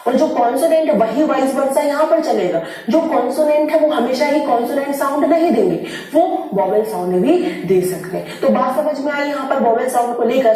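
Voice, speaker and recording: A woman's voice: a little high, mellow. A woman teacher giving a grammar lesson, explaining step by step and answering her own questions. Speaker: English teacher. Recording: very echoey room, distant mic.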